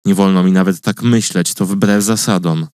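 A man's voice: sits low, fairly even intonation, moderate pace, darkish tone, clean tone, no echo. A man narrating a novel in the first person in a tense, controlled way, recorded in a radio studio. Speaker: audiobook narrator.

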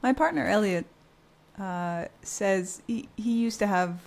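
Woman hosting a podcast, laid back, lots of like and um, mid pitch. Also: a little slow, vocal fry. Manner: relaxed and thoughtful, hedging with "like" and "um". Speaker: podcast host. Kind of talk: casual conversation.

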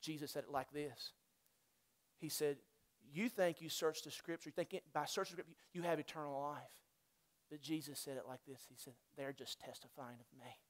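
A male pastor preaching a sermon in a church, swinging from loud, fervent exhortation down to quiet, near-whispered intensity, with repeated calls to the congregation. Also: a little high, fairly even intonation, normal speed. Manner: repetitive call-and-response exhortation. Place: church sanctuary.

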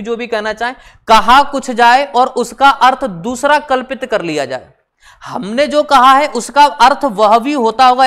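A man teaching an online exam-prep class, talking casually, explaining with everyday examples and slowing down to stress key definitions. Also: very high-pitched, fairly bright tone.

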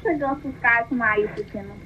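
A woman heard over a video chat app, blunt and excitable in casual insulting banter. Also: a little high, fast, lo-fi sound, slight background noise.

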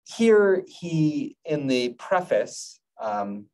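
A middle-aged man giving a lecture over slides on a video call, in a measured, thoughtful way with frequent filler sounds. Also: a little high, big pitch swings, a little mellow, recorded from a distance, low-quality recording. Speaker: lecturer on Buddhist poetry.

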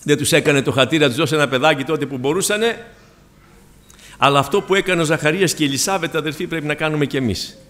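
A man's voice: a little high, a bit bright. A man preaching a sermon with a Greek accent, telling personal stories and rising to fervent emphasis.

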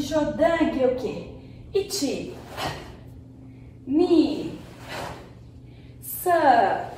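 A woman's voice: high voice, recorded from a distance, a little hiss or hum. A woman with a Brazilian Portuguese accent teaching an online karate class, counting commands and encouraging her students patiently. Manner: counts commands and calls out short shouts. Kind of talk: online martial arts class instruction. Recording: echoey room, voice from off-mic.

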